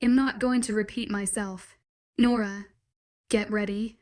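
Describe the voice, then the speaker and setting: Woman doing an angry bossy young guy in an audiobook, short clipped orders, mid pitch. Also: fairly even intonation, measured pace, darkish tone, close to an everyday voice. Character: angry, commanding young man, protective and forceful.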